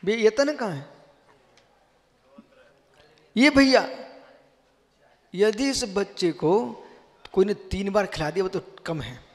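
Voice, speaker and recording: A middle-aged monk preaching a live sermon to an assembly, emphatic, swinging between quiet asides and loud bursts, asking listeners questions directly. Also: male voice, sits high, takes it slowly, long pauses. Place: large hall before a seated assembly. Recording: long reverb of a large hall.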